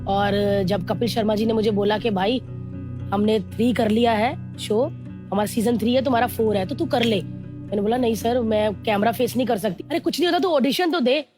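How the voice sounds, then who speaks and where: A woman in her thirties from India, telling her life story in an interview, slowly and earnestly, mixing English words into her talk. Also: mid-range voice, fairly even intonation, music in the background. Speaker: interview guest.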